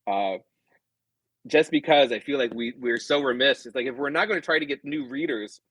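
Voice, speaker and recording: Man, husky, dry close sound, animated rambling talk, casual chat. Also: mid-range voice, moderate pace, no room sound, poor audio. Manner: animated, rambling, acts out quoted customers. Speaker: comics writer guest.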